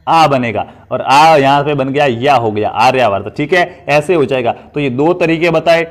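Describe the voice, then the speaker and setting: A man's voice: medium pitch, moderate pace. A man teaching an online exam-prep lesson at a board, who asks questions and answers them himself and calls his students friends.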